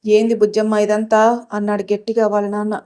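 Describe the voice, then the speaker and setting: A woman voicing a stern middle-aged village father who lectures his daughter loudly. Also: mid-range voice, completely flat delivery, fairly quick, clean tone, close to an everyday voice. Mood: angry. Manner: harsh, loud, lecturing.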